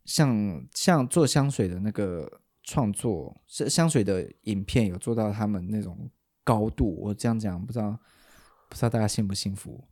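A man's voice: on the low side, expressive, moderate pace, a little mellow. A man with a Taiwanese Mandarin accent, a podcast host in casual chat who explains at length and often restarts his sentences.

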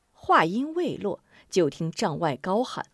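A woman telling a martial-arts story with vivid, expressive narration. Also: mid-range voice, no echo, clean studio sound.

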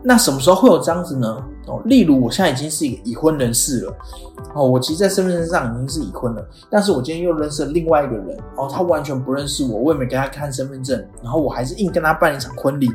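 A podcast host, explaining ideas step by step in a casual lecture, often filling pauses with "哦" and acting out example dialogue. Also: mid-range voice, expressive, a little mellow. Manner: explains step by step, frequent "哦" fillers, acts out quoted lines. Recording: roomy echo with faint background music.

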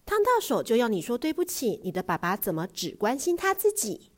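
Woman reader doing a soft-spoken, patient storybook mom. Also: on the high side, huge pitch swings, fairly quick, voice pushed up. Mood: coaxing. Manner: soft, coaxing, hushed at times. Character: gentle patient mother.

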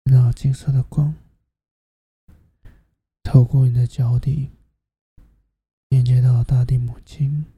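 A host narrating a guided sleep meditation like a sleep story narrator, in a soft, soothing, half-whispered delivery. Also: mid-range voice, level tone, slow pace, pauses often, husky, no echo, dull audio.

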